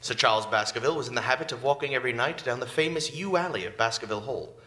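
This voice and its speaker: An actor playing Dr. Watson, who narrates and explains the facts in a measured, formal way in a live radio play. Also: male voice, medium pitch, bright, forceful tone, natural voice. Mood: briefing. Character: steady male doctor and narrator, Dr. Watson. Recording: roomy live stage sound with faint music.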